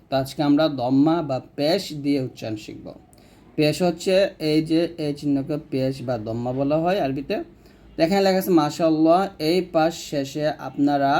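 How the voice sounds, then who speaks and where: A man gives a patient recitation lesson, explaining each sound and then drawing out the practice syllables very slowly. His voice sits a little high for a man. It has a mellow, dark tone. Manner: slowly drawn-out demonstration syllables between explanations. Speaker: Quran recitation teacher. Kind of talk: step-by-step pronunciation lesson.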